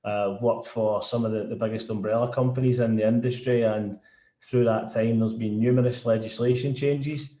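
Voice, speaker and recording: Scottish man, broad Glasgow accent, mellow voice. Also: mid-range voice, fairly even intonation, normal speed, roomy sound. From Scotland. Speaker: guest speaker, sales director. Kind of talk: informal webinar presentation.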